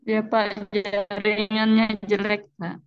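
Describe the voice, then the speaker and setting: A woman, an education official on a video call, speaking in halting fragments as her audio breaks up over a bad network connection. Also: mid-range voice, monotone, clear, resonant tone, no echo, lo-fi sound, soft background music. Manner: halting, scattered short fragments. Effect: choppy audio breaking up over a bad network connection.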